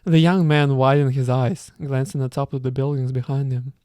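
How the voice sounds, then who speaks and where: A man's voice: mid-range voice, steady tone, moderate pace, mellow, no room sound. Man, reader, book read-aloud with asides, stumbling, dry close sound. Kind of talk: reading a book aloud with commentary.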